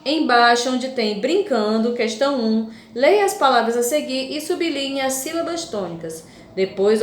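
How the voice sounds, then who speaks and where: A woman teacher giving a recorded lesson to grade-school children, reading words slowly with clear stress. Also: high-pitched, slight background noise. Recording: echoey room.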